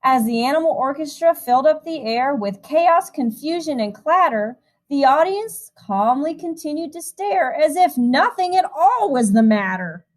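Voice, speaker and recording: With a high voice, a woman who seems to be a music teacher reads a picture book to young children, lively and expressive, adding chatty asides. She goes at a normal speed and barely pauses.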